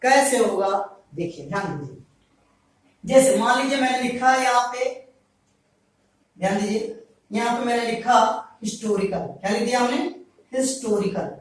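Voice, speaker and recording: A man's voice: very high-pitched, moderate pace. A male teacher giving a grammar lesson to students, repeating each point and answering his own questions. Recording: very echoey room, voice far from mic.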